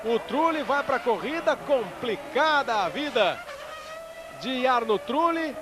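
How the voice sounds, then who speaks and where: A Brazilian man delivers live motor racing commentary in a high-pitched voice. He is an emphatic play-by-play motorsport commentator who hammers key phrases by repeating them. Clear car and track noise runs behind him. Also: lively intonation, takes it slowly. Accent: Brazilian Portuguese. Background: race cars and outdoor ambience.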